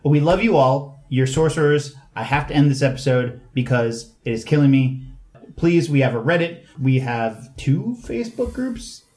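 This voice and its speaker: A man's voice: mid-range voice, lively intonation, normal speed, a little mellow. A man co-hosting a podcast in loose, casual chat. He rambles through his points, throws in jokes and corrects himself as he goes. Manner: rambling, joking, self-correcting. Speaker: podcast co-host and editor.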